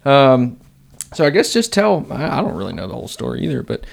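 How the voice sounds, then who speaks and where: A man's voice: mid-range voice, huge pitch swings, brisk, gravelly. A man hosting a casual podcast interview, laid-back and rambling with many fillers. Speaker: podcast host.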